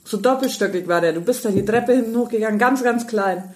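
A woman's voice: a little high, a little fast. A woman, co-hosting a casual podcast and telling chatty anecdotes. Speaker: podcast co-host. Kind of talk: casual chat.

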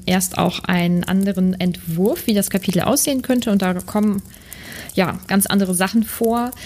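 A woman's voice: mid-range voice, a little mellow. A woman co-hosting a podcast, chatting hesitantly and then reading a story aloud. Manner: hesitant, many fillers and laughs. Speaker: podcast co-host. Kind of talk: casual chat and reading aloud.

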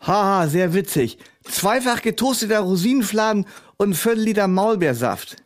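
A man's voice: high voice, animated, moderate pace. A man in a scripted comedy sketch, talking in a smug, scoffing know-it-all way.

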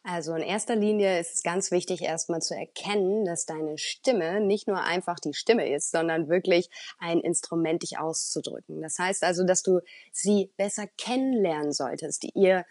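A woman voice coach who talks earnestly and expressively as an interview guest, with the odd filler pause. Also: lowish voice, a little mellow, no room sound, clean studio sound. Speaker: voice coach and speaker.

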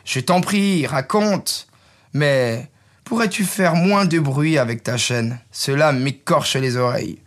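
A man voicing a naive, newly built snowman who asks puzzled, gentle questions in a storybook tale. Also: fairly high pitch, slow. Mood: curious. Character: naive newborn male snowman, curious and wondering.

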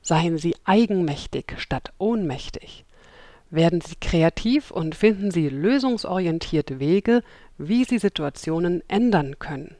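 A woman's voice: on the low side, lively intonation, unhurried, dark tone, no echo. A woman in her thirties from Berlin hosting a self-help podcast, talking chattily and directly to her listeners with light laughs. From Berlin, Germany. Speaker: podcast host. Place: room with open windows.

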